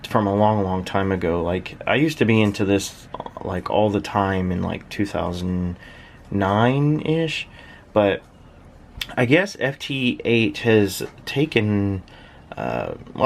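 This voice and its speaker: In a small uninsulated shed with a workbench, a man presents his own shortwave listening station in an unscripted, casual way. He speaks in a lowish voice, rambling and hesitating as he thinks aloud, with slight background noise.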